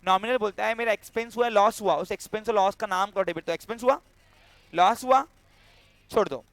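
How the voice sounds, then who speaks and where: A man lectures an accountancy class, breaking down entries step by step and often checking that students follow along. At one point he acts out a cash handover with a student. His voice is high with a fairly bright tone, and the recording is dry.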